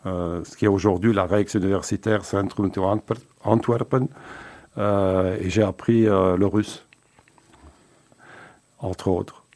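This founder, a man in his seventies originally from Belgium, talks unhurriedly about his career in a relaxed interview, leaving long pauses. His voice sits low and fairly even, with a darkish tone, and he often hesitates and starts over.

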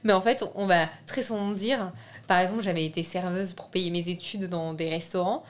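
In a casual interview, the guest is a young adult filmmaker from France whose voice is a little low. Her speech is halting, full of fillers and restarts as she gropes for words.

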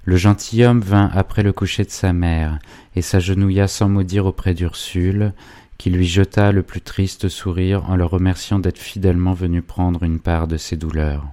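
Deep, dark-voiced male narrator. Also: no echo. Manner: measured, even literary reading. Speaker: audiobook narrator. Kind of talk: scripted narration of a classic novel.

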